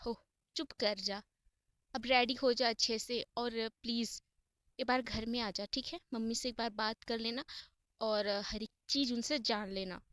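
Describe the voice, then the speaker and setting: A bossy best friend, scolding and teasing, as a woman storyteller puts her on. High voice, dry and close with no reverb. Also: fairly even intonation, measured pace, a bit bright.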